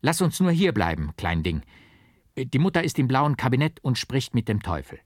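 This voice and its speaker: A man voicing a sullen, brooding young boy who speaks roughly in a gothic audiobook. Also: fairly low pitch, expressive, moderate pace, a bit bright, no room sound, clean studio sound. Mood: gruff. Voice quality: rough gloomy delivery.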